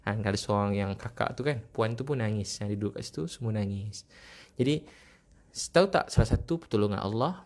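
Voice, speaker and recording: A middle-aged man with a Malaysian Malay accent gives a storytelling sermon in a low voice. He speaks with strong feeling. He repeats himself and keeps turning to his listeners with questions. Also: a little fast, a little mellow. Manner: emotional, repetitive, asks the audience questions. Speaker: religious preacher. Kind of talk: storytelling religious talk.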